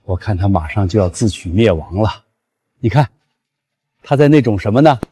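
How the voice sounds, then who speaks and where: A man's voice: fairly low pitch, expressive, normal speed, dark tone, breathy edge. An actor playing a scheming, sneering middle-aged father in a short drama. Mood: scornful. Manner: sneering, spiteful.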